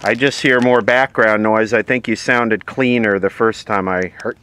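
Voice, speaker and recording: Outdoors at a table, an American man tries a vintage CB radio and makes plainspoken, wry small talk for his vlog. His fairly low voice is a bit bright, with fairly even intonation and normal speed. Faint background noise is present.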